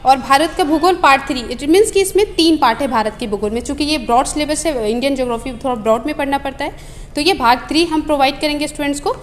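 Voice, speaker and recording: A woman from a coaching institute walking through study notes one booklet at a time, repeating phrases with frequent hesitations. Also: high-pitched. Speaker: coaching institute staff member. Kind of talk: explaining and listing study material.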